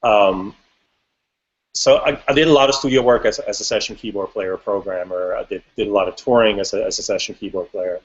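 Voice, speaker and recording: A man from Switzerland talks casually as an interview guest, rambling and restarting his thoughts. His voice sits low. The recording is dull and lo-fi. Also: brisk, husky. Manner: relaxed, rambling, frequent restarts and fillers. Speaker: guest music producer. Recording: dull lo-fi audio.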